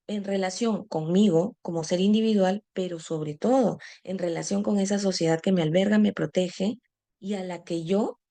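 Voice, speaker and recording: A woman teacher giving a lecture on teaching, posing rhetorical questions and pausing with frequent fillers. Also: mid-range voice, dark tone.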